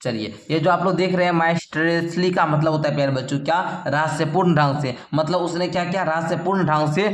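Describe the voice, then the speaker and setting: Male tutor, higher voice, patient classroom explainer who keeps checking in, roomy echo. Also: steady tone. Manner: repeats words slowly for students to copy; checks in with "thik hai" and "samjhe" often. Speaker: teacher. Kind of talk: explaining an English lesson in Hindi.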